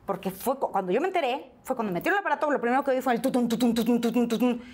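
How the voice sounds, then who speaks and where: A middle-aged woman with a Mexican accent, an interview guest telling a personal story in a lively way and often pausing on "este". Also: high-pitched. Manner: animated storyteller, acts out quoted dialogue, frequent "este" fillers.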